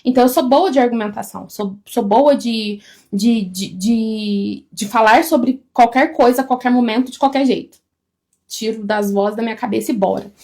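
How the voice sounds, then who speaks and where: A woman, co-hosting a casual live stream from home, talking loudly and expressively. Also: a little high. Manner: loud, expressive and fast-flowing.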